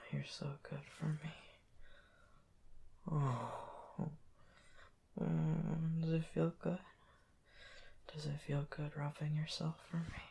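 A man performing an intimate audio roleplay, talking in soft whispers with drawn-out murmurs and sighs. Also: a little high, vocal fry.

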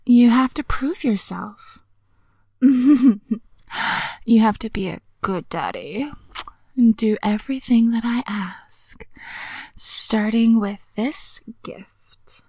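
A woman voicing a playful, teasing young woman just out of school, talking close to the mic in a breathy whisper with frequent giggles. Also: a little high, warm tone, no room sound. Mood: whispery teasing. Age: young adult. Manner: giggly, coaxing, slow and drawn-out. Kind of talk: intimate audio roleplay.

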